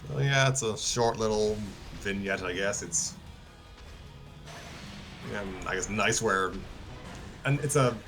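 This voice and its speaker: A man casually hosts a livestream, reading a story aloud and chatting in a hesitant, hedging way. His voice is on the low side and fairly bright, slow with long pauses, and background music is clearly audible.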